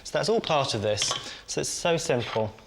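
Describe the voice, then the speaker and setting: A man's voice: mid-range voice, sing-song, normal speed, gravelly, heavy background noise. A man hosting a cooking show, chatting casually as he prepares food in his kitchen. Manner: chatty, talks while cooking and tasting. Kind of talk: cooking demonstration.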